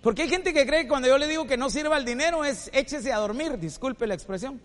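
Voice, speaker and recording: A man's voice: very high-pitched, animated, fast. A male pastor delivering a sermon, speaking, asking rhetorical questions and telling a personal story with animation. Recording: long hall reverb.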